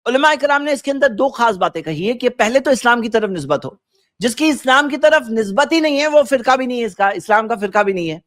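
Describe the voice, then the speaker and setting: A man's voice: very high voice, lively intonation, fairly bright tone, dry recording, studio quality. A man giving a religious talk, quoting Arabic and then translating it, and pressing his point with rhetorical questions. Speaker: Islamic preacher.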